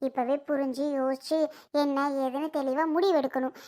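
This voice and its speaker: A woman's voice: high-pitched, fairly even intonation, moderate pace, mellow, lightly acted. Woman playing a coaxing, lecturing sister-in-law. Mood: earnest. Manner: pleading, lecturing, repeats herself. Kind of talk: homemade family drama skit.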